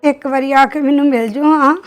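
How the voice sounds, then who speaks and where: A woman's voice: sits high, steady tone, a little fast, soft background music, lightly acted. A young woman with a Punjabi accent acting a tearful, pleading young wife. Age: young adult.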